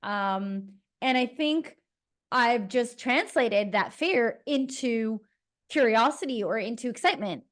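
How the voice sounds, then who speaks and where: A woman's voice: on the high side, animated, takes it slowly, fairly bright tone. A woman from Toronto, a personal trainer talking in a casual, rambling monologue full of fillers. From Toronto, Canada. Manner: chatty and rambling, with many fillers.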